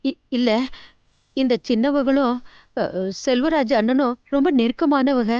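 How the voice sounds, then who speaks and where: A woman's voice: sits high, fairly even intonation, measured pace, a little mellow, clear, resonant tone, no room sound, dull audio. An actress playing a worried mother-in-law who hesitantly asks for help after a kidnapping in a TV serial. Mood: anxious. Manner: hesitant, pleading. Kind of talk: TV serial acting.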